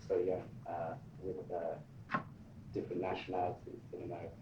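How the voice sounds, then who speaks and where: A man hosting a podcast, asking questions haltingly with frequent hesitations. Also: deep voice, monotone. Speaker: podcast host. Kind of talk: interview questions. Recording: distant, roomy, dull mic with clear background noise and birds.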